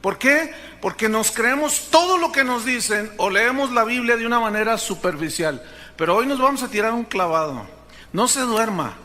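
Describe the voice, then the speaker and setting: Male preacher, high and ringing voice, emphatic sermon delivery. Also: expressive, moderate pace, pushed and bright. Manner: emphatic, rhetorical questions to the congregation. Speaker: pastor.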